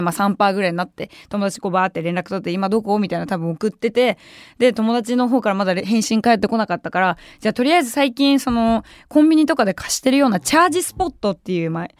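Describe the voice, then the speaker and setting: A woman's voice: mid-range voice, fast, no room sound, studio quality. A young woman hosting a radio show, telling a story in a casual, chatty way and acting out the voices of people she quotes. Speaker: radio personality. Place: radio studio.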